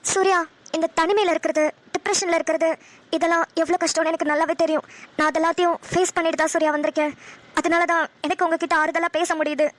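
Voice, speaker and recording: A woman voicing a kind young businesswoman who gently comforts a friend in a cartoon. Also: extremely high pitch, little pitch movement, fast talker, no echo. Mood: caring, concerned. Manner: soft, soothing, caring. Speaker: cartoon voice actor. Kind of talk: Tamil cartoon dialogue.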